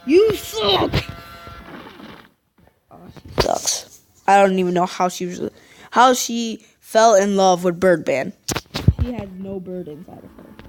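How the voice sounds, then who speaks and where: A woman's voice: mid-range voice, moderate pace, soft background music. A woman YouTuber giving playful, chatty let's-play commentary and talking back to the game.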